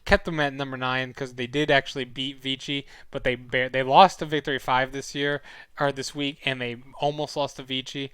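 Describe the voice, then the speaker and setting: A young esports analyst streams his weekly review, chatty and rambling, full of fillers and self-corrections, while his sore throat shows he's losing his voice. His mid-range voice barely moves in pitch, runs at normal speed, and sounds fairly bright and smooth. The recording is dry.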